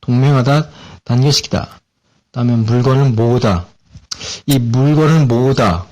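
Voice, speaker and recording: A man with a Korean accent and medium pitch teaches English vocabulary at a moderate pace. His relaxed, informal explanations are sprinkled with fillers and repetitions.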